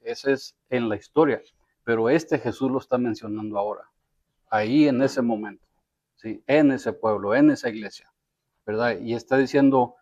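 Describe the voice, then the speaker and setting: A man's voice: medium pitch, darkish tone. A man preaching a conversational sermon as pastor, with a folksy manner, often asking "¿verdad?" and acting out quoted voices. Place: church. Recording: dull lo-fi church recording.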